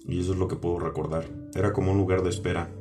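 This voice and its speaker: Low, flat-voiced man telling a testimony. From Mexico. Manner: halting and repetitive, often asking "¿ok?". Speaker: testimony speaker. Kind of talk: personal religious testimony. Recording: music playing under the voice.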